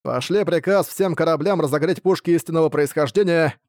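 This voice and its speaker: A man voicing a calm, calculating sword hall master general who gives measured orders in an audiobook. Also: fairly high pitch, studio quality, lightly acted. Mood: commanding. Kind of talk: audiobook character voice.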